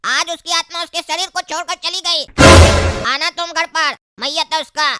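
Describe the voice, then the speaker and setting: A woman's voice: very high voice, steady tone, moderate pace, pushed and bright, a little hiss or hum, heavily acted. A woman voicing a mischievous cartoon boy who teases and mocks an adult. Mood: teasing. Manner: teasing, mocking. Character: mischievous prankster older brother boy. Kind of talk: cartoon comedy dubbing.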